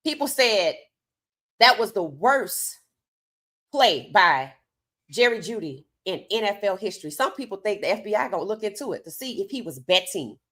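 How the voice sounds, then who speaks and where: A woman's voice: medium pitch, very animated, moderate pace, a bit bright. Emphatic woman giving opinionated sports commentary. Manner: emphatic, preacher-like rhetorical questions and repetition.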